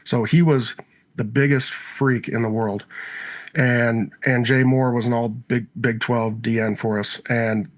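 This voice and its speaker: A man's voice: medium pitch, steady tone, unhurried. A man in his thirties, a former pro lineman, telling a story in casual interview talk and acting out his old coach's lines. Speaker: former NFL offensive lineman, guest.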